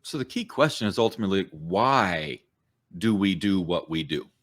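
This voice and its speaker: A middle-aged man with a low, animated voice speaks at a normal pace as co-host of a church podcast. He's a church coach who explains ideas thoughtfully and conversationally, with plenty of filler words, in a casual podcast chat.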